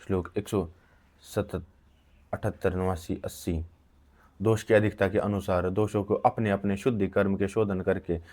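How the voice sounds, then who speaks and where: A man reading an old medical text aloud in a slow recitation, with frequent halts and restarts. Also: low-pitched, darkish tone. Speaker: reader of an ancient medical text.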